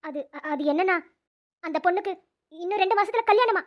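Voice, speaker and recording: An earnest young female doctor in a cartoon, voiced by a woman talks persuasively. The voice is very high-pitched and quick. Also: muffled recording. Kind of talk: cartoon voice acting.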